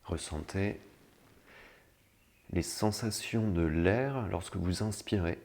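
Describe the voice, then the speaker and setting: Guy teaching breathing meditation, kinda deep voice w lots of gravelly fry. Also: takes it slowly, a little mellow. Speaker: meditation guide. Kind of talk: guided breathing meditation instruction.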